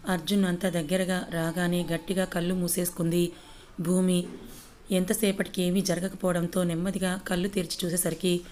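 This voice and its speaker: A woman narrating a romance audio story in a steady, even reading manner. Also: lowish voice, moderate pace, slight background noise.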